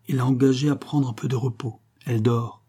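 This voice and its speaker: A man reading a gentle, devoted young woman in an audiobook, lifting his voice for her. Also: medium pitch, fairly even intonation, fairly quick, husky, pitched above the performer's own voice, lightly acted. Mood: reassuring. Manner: soft, raised voice for a girl.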